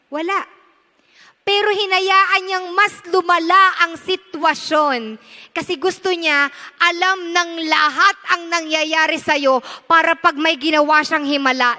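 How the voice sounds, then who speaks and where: A woman pastor with a Filipino accent preaching a sermon in a church, mixing Tagalog and English and swinging between loud emphasis and hushed intensity. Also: very high voice. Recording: long reverb of a large hall.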